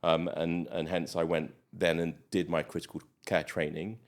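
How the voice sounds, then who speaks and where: Middle-aged British man, very low voice, chatty interview guest, lots of fillers. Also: flat delivery, moderate pace. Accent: British English. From Malawi. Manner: chatty, many fillers, rambling. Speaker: guest doctor. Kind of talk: casual interview chat.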